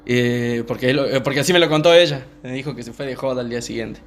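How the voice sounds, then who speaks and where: A young man with a Rioplatense Spanish accent, calmly telling a personal story on a podcast, with many fillers. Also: mid-range voice. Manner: calm, unhurried, many fillers. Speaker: podcast co-host. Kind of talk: casual storytelling chat.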